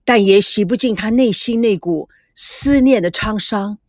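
A woman's voice: medium pitch, measured pace, noisy background. A woman narrating a scripted story with dramatic, emotive delivery.

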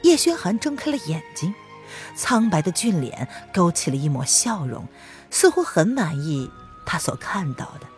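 A woman narrating an audiobook in an expressive storytelling read. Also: fairly low pitch, normal speed, faint music behind.

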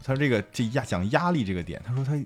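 A man's voice: mid-range voice, racing, faint music behind. A young man, telling colloquial stories in casual chat. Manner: colloquial, energetic storytelling.

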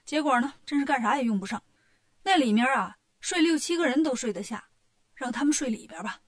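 A woman's voice: high-pitched, expressive, brisk. A woman voicing a helpful young daughter in a children's story, rambling in a matter-of-fact way.

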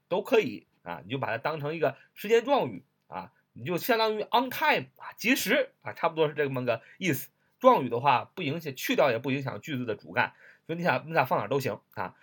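A man teaching an English writing lesson, explaining a phrase, spelling words letter by letter and repeating them slowly. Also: fairly high pitch, a bit bright, slightly rough. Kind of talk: lively recorded lesson.

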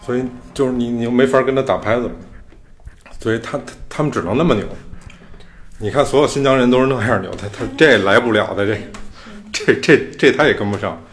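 A man's voice: mid-range voice, brisk. A man hosting a podcast, explaining music theory in loose, casual talk. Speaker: podcast host. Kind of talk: casual chat.

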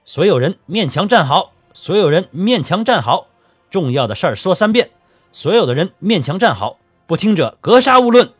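A man voicing a loud-voiced imperial guard who bellows orders through a tin megaphone, husky and dry. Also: sits high, very animated, normal speed, no echo, faint music behind, pitched above the performer's own voice, exaggerated voice. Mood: bellowing.

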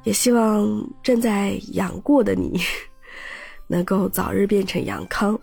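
A woman's voice: mid-range voice, takes it slowly, creaky, a little mellow, husky, faint music behind. A woman podcast host chatting casually and caringly to listeners, her voice slightly cracked and shaky from a throat still recovering. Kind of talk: casual personal chat to listeners.

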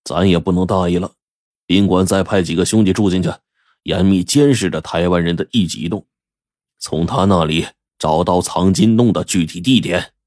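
A man's voice: sits low, moderate pace, no room sound, clean studio sound. A man playing a ruthless cursing gang boss. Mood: scheming. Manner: swearing, menacing, bursts of shouting. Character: ruthless middle-aged male gang boss, hot-tempered.

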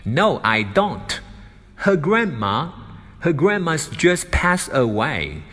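A woman shares sad news about a friend, as a man reads her lines in a lesson. She speaks slowly and carefully, pitched a little above his usual voice. A long reverb trails behind. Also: big pitch swings, pushed and bright, soft background music, heavily acted. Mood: sympathetic. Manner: slow, careful dialogue reading.

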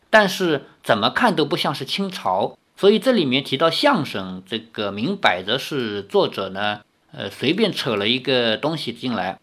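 Male reader-narrator, lively, conversational commentary. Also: medium pitch. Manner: relaxed, chatty asides. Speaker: audiobook reader. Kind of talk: novel reading with commentary.

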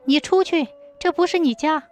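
A woman voicing a pregnant young village wife who is upright and defiant, scolding in a high, indignant voice. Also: expressive, moderate pace, darkish tone, faint music behind.

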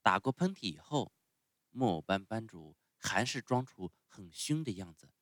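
A man reads a children's storybook aloud, animated and expressive, his pitch rising and falling freely. He slips in small filler sounds as he goes. The recording is dry and close, made at home. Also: normal speed, no echo. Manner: lively expressive reading with frequent "uh" fillers. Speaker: parent reading bedtime stories. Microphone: home recording, close mic.

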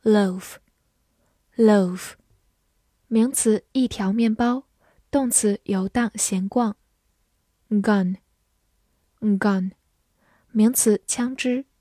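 A woman reading vocabulary, saying each word twice, then its meanings in a measured drill. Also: medium pitch, dark tone, no echo. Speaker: vocabulary reader. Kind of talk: slow dictionary-style word drill.

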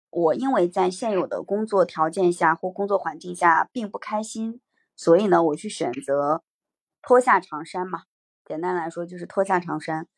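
A woman's voice: on the low side, no room sound, studio quality. A woman hosting a casual livestream discussion, reflective, reading out viewer comments and musing on them. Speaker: podcast host.

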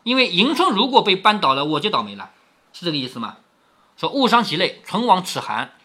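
Guy reading an old novel and explaining as he goes, bright husky voice, keeps asking right?. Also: high-pitched, big pitch swings, fairly quick. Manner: explanatory, rhetorical questions. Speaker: storyteller reading to his daughter. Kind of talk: classic novel reading with commentary.

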